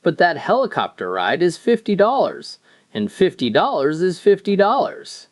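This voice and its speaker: A man's voice: high-pitched, wildly swooping pitch, normal speed, pitched above the performer's own voice. A man voicing a thrifty old wife who speaks in a firm, insistent way in a told joke. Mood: firm insistence.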